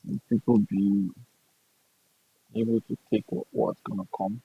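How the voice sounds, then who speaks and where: Brief: young Nigerian-accented streamer, husky voice, blunt and profane, looping his points; dull lo-fi recording. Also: lowish voice, fairly even intonation, unhurried. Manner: blunt, profane, repeats himself. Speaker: gaming streamer. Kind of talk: casual ranting chat. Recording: dull lo-fi dry sound.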